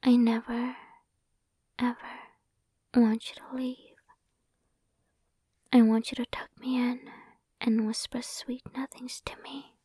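A young woman speaking in a soft, intimate whisper for an ASMR roleplay, sweet and affectionate, close to the microphone. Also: a little high, little pitch movement, slow pace, pauses often, breathy edge, no echo. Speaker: ASMR performer. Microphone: close sensitive microphone.

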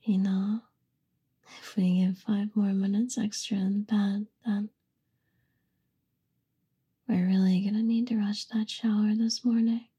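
A woman's voice: mid-range voice, little pitch movement, a little slow, pauses often, warm tone, slightly rough. A young woman whispering an affectionate, soothing ASMR roleplay. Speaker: ASMR performer.

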